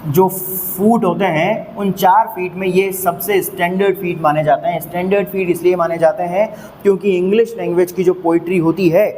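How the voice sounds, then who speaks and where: Male Indian tutor, high pitch, patient repeat-and-check delivery, long reverb. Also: steady tone, a little mellow, a little hiss or hum. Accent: Indian English. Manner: repeats each point, asks checking questions; reads English definitions slowly, explains in Hindi. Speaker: English teacher. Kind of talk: explaining a lesson on a board.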